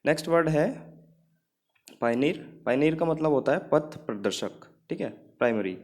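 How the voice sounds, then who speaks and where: A man's voice: on the high side, lively intonation, moderate pace, a little mellow. A man teaching English vocabulary in Hindi, mixing in English words and often checking in with "ठीक है" as he gives memory tricks.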